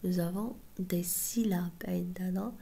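A woman gives a whispered French lesson for primary pupils. Her voice is breathy and dark, with a gravelly edge. She talks slowly and patiently, drawing out each syllable. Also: lowish voice, steady tone. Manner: slow, patient, sounds out syllables.

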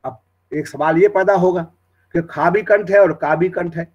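A man lectures on Vedic recitation in a somewhat high voice. He explains pronunciation step by step, pausing with hesitant fillers, then chants Sanskrit verses slowly and carefully. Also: a little mellow, highs cut off. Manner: explanatory classroom delivery with frequent hesitations. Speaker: Veda teacher.

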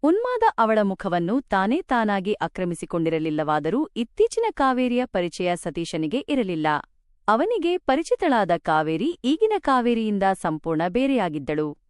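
A woman storyteller reading a romance novel aloud in an expressive, dramatic way. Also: medium pitch, moderate pace, smooth, no echo, studio quality.

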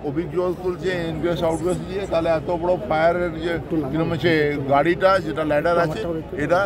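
An older man, a former fire official, gives halting, improvised answers to reporters outdoors, slipping in English phrases. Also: a little high, flat delivery. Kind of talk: impromptu press statement. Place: outdoors at a busy street scene. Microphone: press microphones held close. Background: crowd noise.

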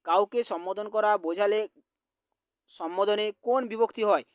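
A teacher from West Bengal slowly reading out exam quiz answers, repeating each question. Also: medium pitch, clear, resonant tone, no room sound, clean studio sound.

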